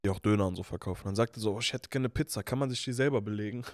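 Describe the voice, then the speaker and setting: A man's voice: on the low side, rapid-fire, dry recording, clean studio sound. A man co-hosting a podcast in casual chat, telling stories in slangy talk and acting out the people he quotes. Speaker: podcast co-host. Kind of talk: casual chat, animated storytelling.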